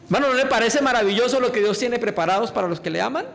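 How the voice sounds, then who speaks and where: High-voiced preacher with gravelly edge. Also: male voice, racing, fairly bright tone. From Colombia. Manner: emphatic, repeatedly addresses listeners as brothers. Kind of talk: sermon. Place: church hall. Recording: reverberant church hall.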